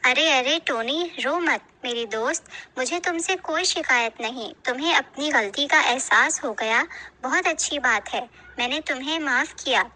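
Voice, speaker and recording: A gentle young female cartoon character comforting a crying friend, voiced by a woman. Her voice is lifted higher and softer, bright and reassuring. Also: rough recording. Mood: soothing. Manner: soothing and reassuring. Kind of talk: animated cartoon voice acting.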